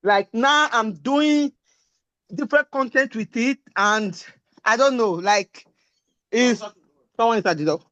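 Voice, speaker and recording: A woman's voice: a little high, unhurried, long pauses, a bit bright, no echo. Chatty woman on a dull call line. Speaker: student sharing her story. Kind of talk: casual testimonial on a call.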